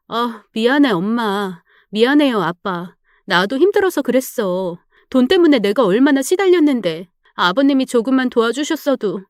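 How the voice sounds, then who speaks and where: An actress voicing a defensive, flustered young wife who pleads slowly, recorded close and dry. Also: female voice, a little high, dry recording, close to an everyday voice.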